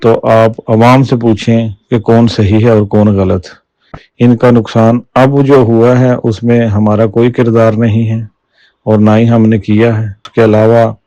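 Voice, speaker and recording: Slow, deep Pakistani man, dull lo-fi audio. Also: dark tone, no echo. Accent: Pakistani Urdu. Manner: slow, measured appeal. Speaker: accused man in an audio message. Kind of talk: recorded audio statement.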